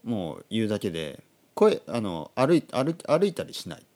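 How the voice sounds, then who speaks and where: A man hosting a casual podcast monologue for learners, speaking slowly and clearly, repeating himself and explaining words simply. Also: lowish voice, very animated, darkish tone. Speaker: podcast host for Japanese learners.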